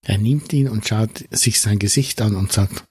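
Very husky man chatting casually. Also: lowish voice, a little slow, darkish tone. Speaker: podcast co-host. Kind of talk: casual chat, retelling a story.

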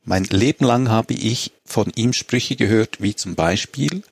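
A man, talking calmly as a guest on a comedic panel show. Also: lowish voice, measured pace, creaky, dry recording. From Switzerland. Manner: relaxed, reads a letter aloud.

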